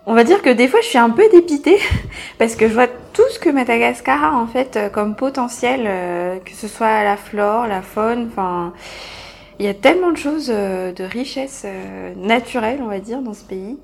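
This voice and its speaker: A woman with a gravelly, creaky voice hosts a casual interview, searching for words with lots of fillers. There is a faint hiss of noise behind her. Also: on the high side, expressive, normal speed. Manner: hesitant, many fillers, friendly laughs.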